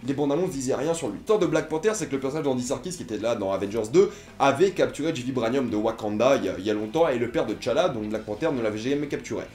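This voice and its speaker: A young man rattles through a film review at high speed, eager and often restarting his sentences. The room around him sounds hollow and echoey, with a little music faint underneath. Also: animated, darkish tone. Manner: fast, enthusiastic, self-correcting.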